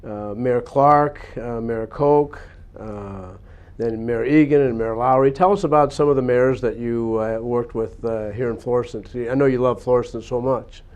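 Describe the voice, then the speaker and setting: A man hosting a local TV interview, speaking haltingly with many filler sounds. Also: medium pitch, steady tone, a little mellow, smooth. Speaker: interview host. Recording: dull lo-fi audio.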